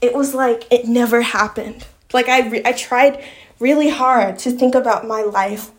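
A woman's voice: on the high side, fairly even intonation, measured pace. A young woman from Long Island talking in a casual, rambling vlog chat full of fillers. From Long Island, New York. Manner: chatty, rambling, lots of fillers. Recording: echoey room.

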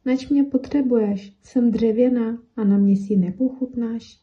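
A woman voicing a small, frightened wooden pencil that begs a mouse to let it go, speaking higher and louder as it pleads. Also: a little slow, breathy edge, muffled recording. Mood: pleading.

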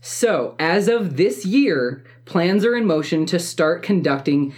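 Low-voiced woman casually co-hosting. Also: slow pace. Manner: relaxed storytelling with fillers. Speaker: podcast co-host. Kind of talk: casual chat.

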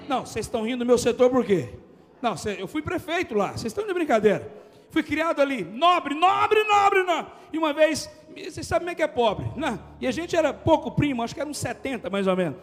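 A male pastor from Goiânia with a Brazilian accent, preaching an animated, jokey sermon in a church and often shouting. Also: very high voice, in a large hall. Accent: Brazilian Portuguese, from Goiânia. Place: church hall.

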